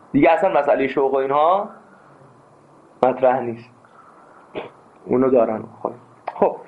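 A man teaching a philosophy class, speaking emphatically and breaking into anecdotes. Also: mid-range voice. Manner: emphatic, animated, tells anecdotes. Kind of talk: classroom lecture. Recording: tinny phone-like sound.

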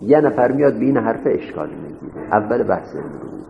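A man's voice: fairly low pitch, very animated, creaky. A man teaching a seminary class, repeating each point and asking his students rhetorical questions. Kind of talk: classroom lecture. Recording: echoey hall, dull lo-fi sound with faint noise.

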